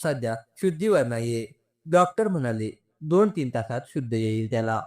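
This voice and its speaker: A man's voice: mid-range voice, lively intonation, normal speed, close to an everyday voice. A man voicing a remorseful young woman who pleads and apologizes through tears in a storybook narration. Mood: anxious. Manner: tearful, apologetic, begging.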